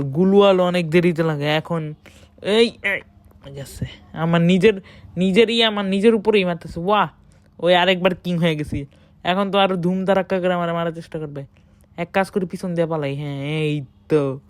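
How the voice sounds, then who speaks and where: A woman gives excited, boastful running commentary while playing a shooter game, speaking close to the mic. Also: lowish voice, no echo. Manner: excited, boastful self-talk. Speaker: gamer streamer. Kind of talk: live gameplay commentary.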